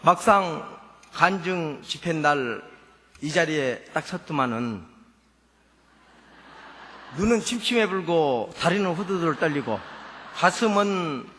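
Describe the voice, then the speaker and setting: A church elder with a thick Jeolla dialect accent tells his conversion story in a playful, storytelling way. His voice sits high and sounds bright and forceful. The sound carries a long reverb from a church hall. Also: lively intonation, slow pace, long pauses, a little hiss or hum. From Suncheon, South Jeolla, Korea. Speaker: church elder giving testimony. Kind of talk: humorous testimony at a church revival meeting.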